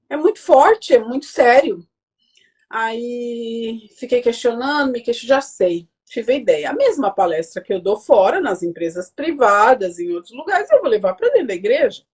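Woman, forties, husky, fairly high voice, animated storytelling, acts out dialogue. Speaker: guest speaker. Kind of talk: emotional conversational storytelling.

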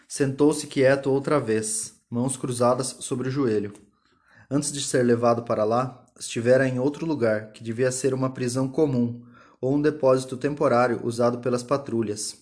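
A man reading a novel aloud in calm, measured scripted narration. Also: mid-range voice. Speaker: audiobook narrator.

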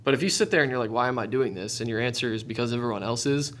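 A man's voice: medium pitch, rapid-fire. A man in his twenties hosting a podcast, talking earnestly and reflectively with lots of "like" fillers. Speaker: podcast host. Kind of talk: casual conversation.

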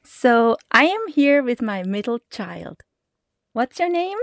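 A middle-aged woman who speaks English with a non-native accent, talking slowly and carefully to the camera. Her voice sits a little high, and she laughs often as she chats like a mother at home. The sound is dry and close. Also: very animated, dry recording. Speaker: mother and vlogger. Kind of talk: casual talk to camera.

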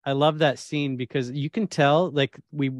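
A man guesting on a podcast, chatting excitedly as a fan and quoting lines from movies. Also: fairly high pitch, moderate pace, no room sound. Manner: excited fan, quotes lines and does impressions. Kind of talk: casual chat about movies.

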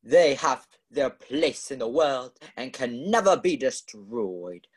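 A woman voicing a gentle, jolly old Santa Claus in a slow, deep put-on voice for a storybook reading. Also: animated, breathy edge, full character voice.

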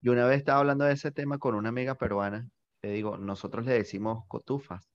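A man's voice: mid-range voice, fairly even intonation, quick pace, lo-fi sound. A man with a Venezuelan accent on a casual podcast, joking and playfully acting out little exchanges. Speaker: podcast co-host. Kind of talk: casual chat.

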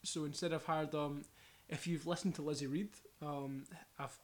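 A man's voice: fairly high pitch, fairly even intonation, normal speed. A man, a musician guest chatting informally and with some swearing on a podcast. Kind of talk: casual podcast chat.

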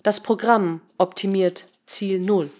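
A woman reading a story voices a rogue computer program in a flat, slow, mechanical way. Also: mid-range voice, natural voice.

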